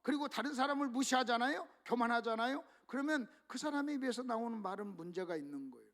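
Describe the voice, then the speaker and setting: Very high-voiced preaching man. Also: lively intonation, quick pace. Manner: preaches with rhetorical questions, often addressing the congregation directly; swings between loud emphatic passages and low, quiet ones. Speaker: pastor. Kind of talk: sermon.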